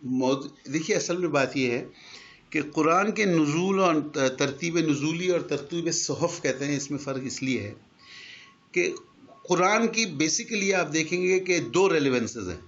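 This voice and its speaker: Older man, grammar teacher, patient and explanatory, slightly high voice, dull lo-fi sound. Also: animated, fairly bright tone. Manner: patient, explains with examples, mixes in English words. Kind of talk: conversational lesson. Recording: dull lo-fi recording.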